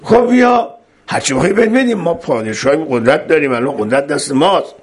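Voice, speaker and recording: A man's voice: on the high side, lively intonation, lightly acted. A man voicing a proud, boastful caliph who coaxes a holy fool. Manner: boastful, coaxing.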